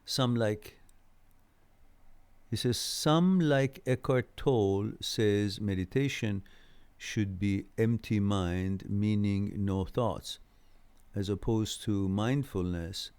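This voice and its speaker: A middle-aged man, a native Farsi speaker, leads a casual live Q&A lecture about mental health, explaining things haltingly with pauses. His voice sits on the low side, with a darkish, clear and resonant tone.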